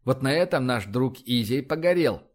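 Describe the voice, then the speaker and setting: A man voicing a stern older admiral who questions a subordinate in a flat, clipped way. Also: mid-range voice, normal speed, close to an everyday voice. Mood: explaining. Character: stern older male admiral interrogator, cool and dry.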